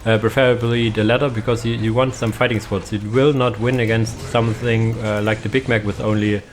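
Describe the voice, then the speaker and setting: Low-voiced man casting a strategy game. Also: flat delivery, a little fast. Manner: hesitant, many fillers and restarts. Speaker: caster. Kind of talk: casual game commentary.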